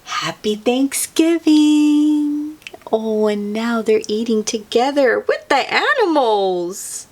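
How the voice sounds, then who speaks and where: A woman with a fairly high voice reads slowly from a picture book for young children. As host she keeps it sing-song and expressive, asking questions of the listener and softly exclaiming.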